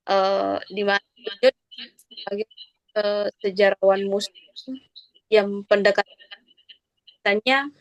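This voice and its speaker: A woman's voice: medium pitch, a bit bright, dry recording, poor audio. A woman student answering her lecturer's question hesitantly, with many fillers, her voice coming through choppy, breaking-up call audio.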